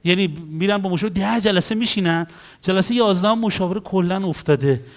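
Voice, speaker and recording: A man working as a counselor, telling stories about clients and acting out their dialogues in an animated way. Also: high voice. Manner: animated storytelling, acts out dialogues.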